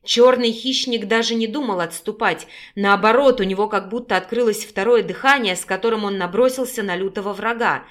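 A woman reads a fantasy novel aloud as narrator, in a steady, even storytelling manner. Her voice sits at a medium pitch for a woman. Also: brisk, hardly any pauses. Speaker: audiobook narrator. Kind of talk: scripted narration.

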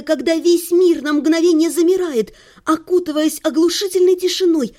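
This audiobook reader's voice sits high and sounds mellow. Recording at home, she narrates a funny first-person book with ironic playfulness, punctuated by theatrical exclamations.

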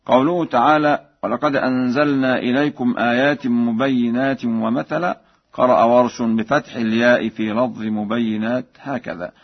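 A man's voice: medium pitch, fairly even intonation. Man teaching Quran recitation, dull radio sound. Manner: measured explanation broken by slow melodic chanted examples. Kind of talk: explaining recitation rules.

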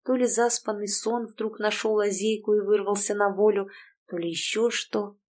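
Audiobook narrator, woman, mid-pitched, steady measured delivery.

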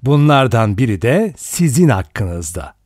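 A gruff, blunt ex-policeman in a storybook reading, as a male narrator puts him on, muttering suspicious questions. His voice is thick and lifted slightly above the narrator's, recorded dry. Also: medium pitch, big pitch swings, measured pace, a little mellow, dry recording. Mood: gruff, defiant.

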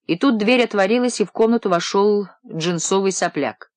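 A man reading a first-person novel aloud in a low, measured narrating voice. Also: no room sound. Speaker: audiobook narrator. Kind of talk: scripted narration.

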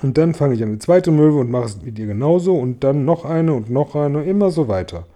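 A man reading a storybook aloud, voicing a calm, earnest young boy in a lifted voice. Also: a little high, brisk, lightly acted. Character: young boy, quiet and thoughtful. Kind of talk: audiobook reading.

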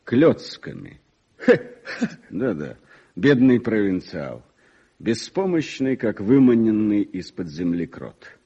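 Sharp commanding detective, husky mellow voice, dull old radio play recording. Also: male voice, lowish voice, sing-song, exaggerated voice. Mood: brisk, commanding. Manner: brisk, commanding, terse orders. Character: brisk sharp-witted male detective on a chase.

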